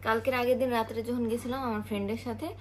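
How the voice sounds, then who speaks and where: Woman, talkative, slightly high voice, brisk, faint noise behind. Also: little pitch movement. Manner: talkative, chiming in, recounting a busy day. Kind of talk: casual family chat.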